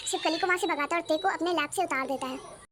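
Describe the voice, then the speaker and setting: A woman narrating a fan-dubbed romance story quickly and breathlessly. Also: very high-pitched, a bit bright, a little hiss or hum.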